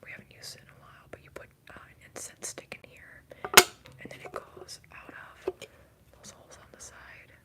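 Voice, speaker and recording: A woman chatting casually in a hushed, breathy whisper as the host of an ASMR livestream, replying to viewers. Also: brisk.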